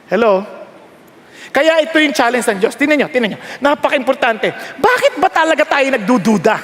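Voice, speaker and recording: A high, lively Filipino man preaches in a spirited, self-mocking way, his voice leaping up and down as he teases the crowd. The sound carries a long church-hall reverb. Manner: animated, joking, self-mocking. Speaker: pastor. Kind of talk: sermon mixing Tagalog and English.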